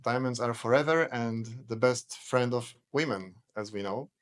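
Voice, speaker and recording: Man asking brisk interview questions. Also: mid-range voice, a bit bright. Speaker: interview host.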